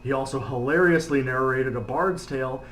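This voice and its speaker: A man gives scripted countdown narration at an average pitch. The recording is roomy and echoey, with faint noise behind him. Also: moderate pace.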